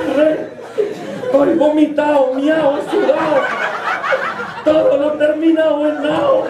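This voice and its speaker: A man's voice: high voice, heavy background noise. A man with a Colombian accent voicing a humiliated royal envoy who whines and complains crudely. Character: whining, sobbing male royal envoy, humiliated. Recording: roomy live room, distant mic, loud crowd.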